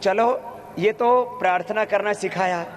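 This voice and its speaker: Slow-chanting male yoga teacher. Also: high-pitched. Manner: slow, drawn-out chanting with corrective explanations; humorous, coaxing teacher asking the crowd questions. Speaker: yoga teacher leading a youth camp. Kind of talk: teaching chanting and pronunciation to a crowd.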